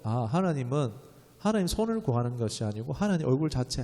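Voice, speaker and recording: A man's voice: medium pitch, darkish tone. A man pastor giving a conversational Friday evening sermon, telling stories and acting out quotes in a raised voice. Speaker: pastor of a small new church. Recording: reverberant church hall.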